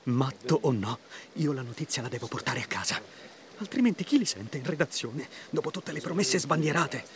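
A man playing an eager, flustered newspaper reporter in a radio drama, wordy, fussy and excitable. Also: mid-range voice, moderate pace, close to an everyday voice. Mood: awkward, self-important. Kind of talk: scripted radio drama acting.

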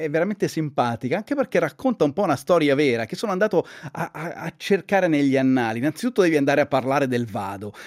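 A man's voice: a little high, dry recording, studio quality. A man speaking as a radio guest, telling a story in a chatty, enthusiastic way. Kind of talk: casual radio chat.

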